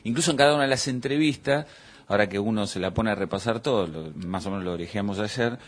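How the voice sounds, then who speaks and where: A man's voice: fairly low pitch, quick pace. A man with an Argentine accent chatting casually in a radio studio, rambling with many fillers. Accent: Argentine Spanish. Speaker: radio producer and columnist.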